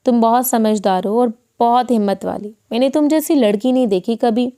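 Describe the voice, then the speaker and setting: A woman's voice: on the high side, dark tone, lightly acted. Woman reading as a tired young husband. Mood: tender. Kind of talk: audiobook dialogue.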